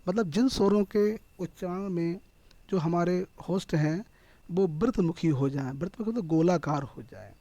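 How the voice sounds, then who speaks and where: Male tutor with a Hindi accent, slightly high voice, warm tone, close dry sound, explains step by step for an exam-prep class. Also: no echo. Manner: explains step by step, asks and answers his own questions. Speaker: teacher.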